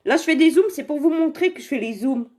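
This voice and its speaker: Her voice is high and animated, quick in pace and a bit dark in tone. She's a direct seller from the Saint-Étienne region of France hosting a relaxed live makeup demo at home, filmed on a phone camera facing her, where she rambles, laughs frequently, and welcomes viewers by name.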